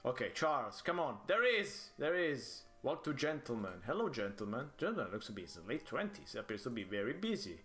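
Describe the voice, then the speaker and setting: A man's voice: medium pitch, big pitch swings, fast talker, few pauses, a bit bright, soft background music. A man giving casual let's play commentary, rambling through amused asides and repeating bits of what he hears. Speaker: game streamer.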